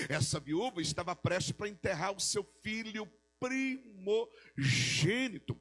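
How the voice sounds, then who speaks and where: A Brazilian man preaching a Pentecostal sermon as pastor, with a repetitive cadence that rises into shouted, sing-song peaks. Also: high-pitched. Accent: Brazilian Portuguese. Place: church sanctuary.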